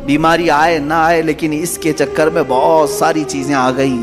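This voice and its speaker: A man preaching a sermon, impassioned and rising to loud emphatic peaks. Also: a little high, level tone. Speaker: Islamic preacher. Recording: echoey hall with music behind.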